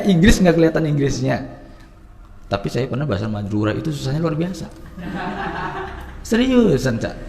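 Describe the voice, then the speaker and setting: A man teaching at a religious study gathering, animated, swinging between loud and soft and mixing in Arabic phrases. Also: medium pitch, long reverb tail, slight background noise. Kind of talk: lively Islamic study talk.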